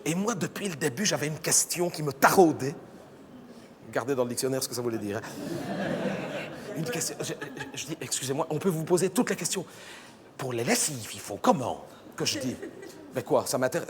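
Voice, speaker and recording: Speaking in a mid-range, expressive voice at a brisk clip, a man plays a chatty, gossipy middle-aged mother, lightly acted, rambling through a comic stand-up character monologue built around punchlines. It was recorded live in a reverberant hall, with a crowd and audience noise in the background.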